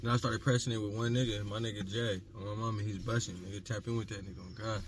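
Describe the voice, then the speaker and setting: A man rattles off emphatic, slang-heavy advice at a quick clip, his voice sitting somewhat low. Clear background noise stays under his speech throughout. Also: little pitch movement. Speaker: rapper guest. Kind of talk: casual interview.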